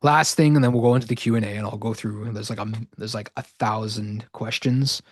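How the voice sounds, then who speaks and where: A man hosting a live webinar sales pitch, slightly hoarse from talking, who tags nearly every sentence with "right?". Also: fairly even intonation, brisk, no echo, studio quality. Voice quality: verbal tic, repeating "right?". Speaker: online course host.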